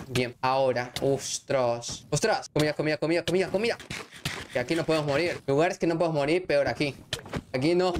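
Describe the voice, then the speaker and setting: A man giving excitable let's-play commentary as a gaming YouTuber, chatting to his viewers with sudden outbursts. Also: mid-range voice, slight background noise.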